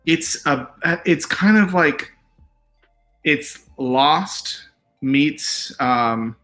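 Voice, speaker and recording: Bright-voiced man chatting loosely. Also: on the high side, extremely slow, faint music behind. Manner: relaxed, rambling, many fillers and "like"s. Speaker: TV writer guest. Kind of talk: casual interview chat.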